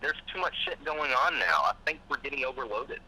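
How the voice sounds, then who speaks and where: A man in a loose, swearing rant with a very bright, sharp tone and a lively, swooping pitch. He talks like a fired-up podcast host in casual chat. A faint hiss of noise sits under the recording. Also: fairly quick, low-quality recording. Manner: profane, fired-up ranting with mocking quoted voices.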